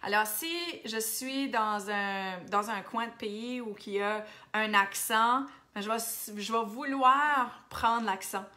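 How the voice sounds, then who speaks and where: This woman's voice sits a little high, sounding pushed and bright as she talks slowly with hardly any pauses. She's an Acadian French-accented makeup seller from New Brunswick, Canada, hosting a Facebook live where she chats through viewer comments, switching to English at times and occasionally going almost to a whisper.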